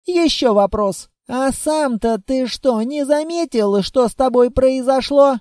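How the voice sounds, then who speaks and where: Reader doing a mocking tired comrade, raised voice, slow deliberate delivery. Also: sits high, darkish tone, dry recording, clean studio sound, pitched above the performer's own voice. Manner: mocking, exasperated. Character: weary sarcastic companion, often laughing.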